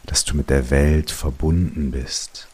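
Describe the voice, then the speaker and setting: A man narrating a guided relaxation sleep story in a calm, soothing way, with long pauses between short phrases. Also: rumbling low. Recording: steady rain noise behind the voice. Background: rain.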